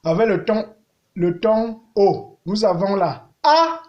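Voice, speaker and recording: A man teaching a language lesson, speaking deliberately and repeating words as he sings out vowels to show their tones. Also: high-pitched, highs cut off.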